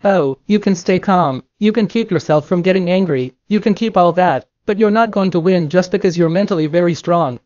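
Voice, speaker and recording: A man's voice: high voice, moderate pace, hardly any pauses, darkish tone, no room sound, muffled recording. Emphatic older male bowling coach lecturing. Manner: emphatic, repeats points, asks and answers his own questions. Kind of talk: classroom lecture. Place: classroom with a projector screen.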